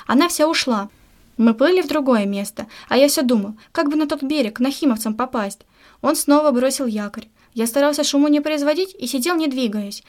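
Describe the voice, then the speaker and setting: A woman reading a children's story aloud in a lively, expressive first-person narration. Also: high voice.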